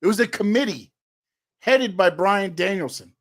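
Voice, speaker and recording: A man's voice: sits high, animated, moderate pace. A man co-hosting a casual wrestling talk show, arguing back with slang and cutting in. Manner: argumentative, slangy, interrupts. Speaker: co-host.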